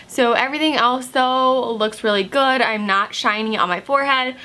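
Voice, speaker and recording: A woman's voice: a little high, moderate pace, pushed and bright. A young woman chatting casually to camera in makeup check-ins, full of "like"s and easy fillers. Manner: chatty, filler-heavy with many "like"s. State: slightly hoarse, just woken from a nap. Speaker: makeup vlogger.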